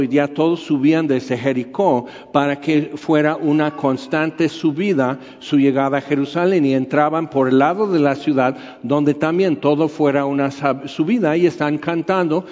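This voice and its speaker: A man preaching a sermon in a rambling, conversational way, slowing down for emphasis. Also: a little high, darkish tone. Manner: conversational, rambling, with frequent filler words. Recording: dull lo-fi recording in a reverberant hall.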